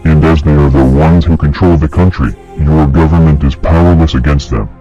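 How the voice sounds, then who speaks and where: A man with a disguised, pitched-down deep voice, delivering a grave, accusing scripted address as an anonymous narrator. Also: steady tone, moderate pace, warm tone. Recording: dull lo-fi audio with faint music.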